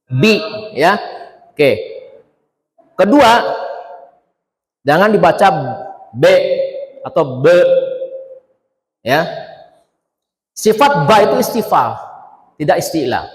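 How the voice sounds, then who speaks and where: A man's voice: high voice, sing-song, slow, pauses often. A male Quran teacher giving a tajwid lesson, drilling letter sounds one syllable at a time and quizzing his students. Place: Islamic centre hall. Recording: echoey hall with long reverb.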